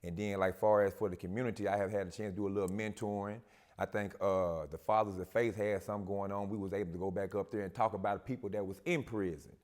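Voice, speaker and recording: Calm, low-voiced man as a talk show guest. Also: fast. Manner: calm, steady, reflective talk with Southern slang. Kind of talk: casual talk show conversation.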